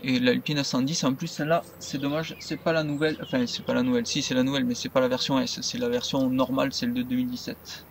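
Man, gaming commentary, rambling and unscripted, mid pitch, faint car sounds behind. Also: little pitch movement, fast talker, hardly any pauses, a little hiss or hum. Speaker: gaming video creator. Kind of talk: casual gameplay commentary.

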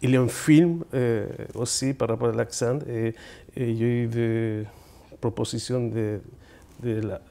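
Hesitant male interview guest, mellow voice. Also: medium pitch, fairly even intonation, a little slow, vocal fry. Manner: hesitant, many "euh" fillers and restarts. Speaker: poet and author, interview guest. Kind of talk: casual interview conversation.

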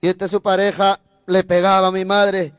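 High-voiced man preaching a fervent testimony. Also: level tone, moderate pace, clear, resonant tone, dry recording, studio quality. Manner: fervent, repeats phrases, adds praise interjections; addresses listeners directly. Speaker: evangelist preacher. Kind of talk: sermon testimony.

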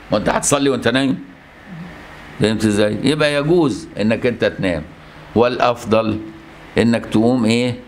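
A man's voice: mid-range voice, a little hiss or hum. A man with an Egyptian Arabic accent teaching a religious lesson as an Islamic scholar, checking on his listeners with rhetorical questions as he explains.

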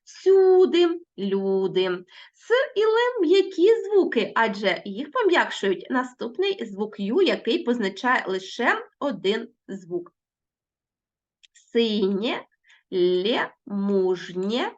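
A woman teacher giving a recorded lesson to schoolchildren, slowly spelling out sounds and words. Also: on the high side, big pitch swings, highs cut off.

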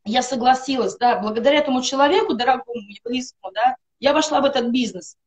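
Speaking fast in a high-pitched voice, a middle-aged woman offers a heartfelt personal endorsement of a wellness product. She's a live-stream guest on a video call from inside her home, and she piles on emphatic lists.

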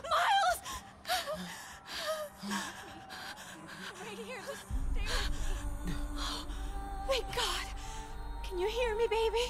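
Distraught game mother: very high pitch, urgent pleading, loud music underneath. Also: big pitch swings, very slow, pauses often, exaggerated voice. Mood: frantic pleading. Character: desperate, loving mother in a disaster. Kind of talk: video game cutscene acting.

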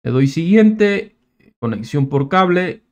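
A man giving a casual, screen-recorded software tutorial, thinking aloud and often restarting his words. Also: on the high side, lively intonation, slow pace. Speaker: tech tutorial presenter.

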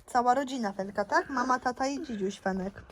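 Female reader for a children's picture book, patient and clear, quizzing a young listener. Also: a little high, slight background noise. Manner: slow, careful, asks the child questions.

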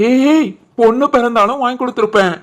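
A woman voicing a proud, generous young new father in an animated family story, with a Tirunelveli Tamil accent. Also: a little high, fast, natural voice. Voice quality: generous, boastful.

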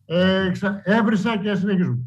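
Male council chair, high-pitched, insistent, repeats orders; muffled chamber audio. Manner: insistent, repeats commands, raises voice when interrupted. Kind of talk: heated council meeting debate. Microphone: desk microphone.

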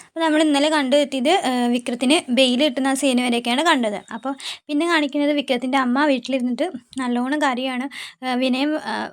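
A woman's voice: sits high, steady tone, quick pace. A woman, chatty and casual, retelling a TV serial episode scene by scene, quoting the characters. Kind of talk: casual spoken story recap.

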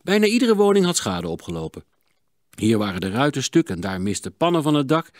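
A man narrating a children's audiobook in an expressive, dramatic reading. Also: mid-range voice, brisk, dry recording, studio quality. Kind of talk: storybook narration.

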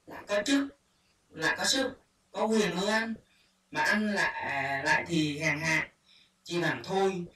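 A storyteller reading a short story aloud at a measured, deliberate pace. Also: mid-range voice, bright, forceful tone. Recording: echoey room, far from mic, faint hiss.

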